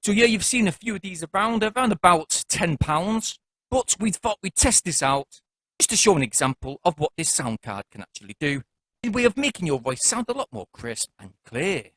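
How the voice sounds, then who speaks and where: A man's voice: high voice, big pitch swings, moderate pace, fairly bright tone, no room sound. A man giving a chatty, jokey product review in a casual, upbeat way.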